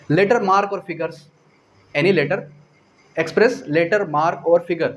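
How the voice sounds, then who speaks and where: Recorded in low quality, a high-pitched male speaker with a Pakistani accent gives an exam-prep law lecture, explaining point by point. His style is didactic: he repeats phrases, poses rhetorical questions, and blends in English legal terminology.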